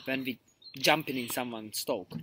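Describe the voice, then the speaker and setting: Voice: medium pitch, normal speed, sharp tone, rough recording. Guest talking earnest in a casual vid, kinda broken phrasing, bit of hiss behind. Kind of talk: casual chat.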